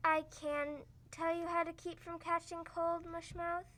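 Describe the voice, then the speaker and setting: A young actress in a school radio play voicing a sardonic doctor who trades dry insults with the husband. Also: female voice, very high voice, little pitch movement, a little slow, a bit bright. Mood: mocking. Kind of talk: old-time radio comedy acting.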